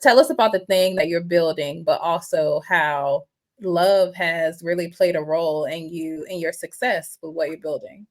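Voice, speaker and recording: A woman's voice: fairly low pitch, moderate pace. A woman hosting a podcast interview in casual, conversational talk with frequent fillers, speaking over an online call. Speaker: podcast host. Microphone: online video call.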